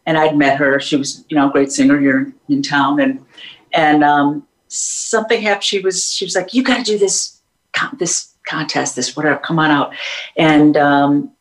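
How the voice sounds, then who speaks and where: A woman's voice: deep voice, fairly even intonation, normal speed, poor audio. Woman singer chatting in an interview, wanders off mid story, lots of restarts and little laughs. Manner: rambling, restarts often, laughs while telling stories. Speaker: singer guest.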